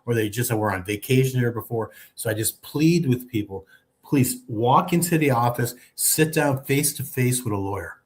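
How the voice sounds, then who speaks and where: A man's voice: medium pitch, moderate pace. A middle-aged man from the United States, a guest in a casual chat, telling his story in an earnest way. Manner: earnest, storytelling, quoting others.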